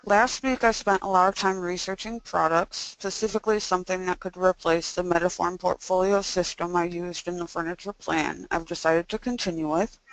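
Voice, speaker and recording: A woman's voice: on the low side, steady tone, normal speed, few pauses, no echo. A young woman giving an informal class presentation, her speech constricted and muffled as if her jaw were wired shut. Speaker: student presenting design coursework.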